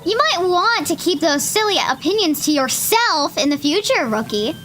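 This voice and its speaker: A woman's voice: extremely high pitch, lively intonation, normal speed, fairly bright tone, faint music behind, voice pushed up. Woman reading as a haughty lunch lady witness. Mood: taunting. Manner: haughty, taunting. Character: sharp-tongued adult female ex-detective lunch lady witness. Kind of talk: reading game dialogue aloud.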